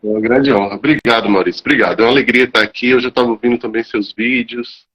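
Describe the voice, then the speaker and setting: A man from Salvador in Brazil, around his fifties, speaking calmly and thoughtfully as a teacher interviewed on a live video call. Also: medium pitch, quick pace, breathy edge, lo-fi sound. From Salvador, Bahia, Brazil. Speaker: guest, teacher.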